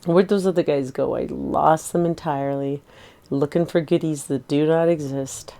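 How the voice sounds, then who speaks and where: A woman's voice: sits low, steady tone, moderate pace, creaky, dark tone. A woman in her forties chatting in a rambling, easygoing way while streaming a game, laughing easily. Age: 40s. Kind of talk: casual gameplay chat.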